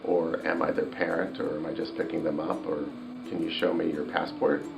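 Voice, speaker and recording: A man with a very low, gravelly voice speaks in an interview. He is a parent of two adopted children and talks reflectively, pausing between thoughts. Soft guitar music plays behind him. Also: level tone, low-quality recording. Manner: reflective, with pauses.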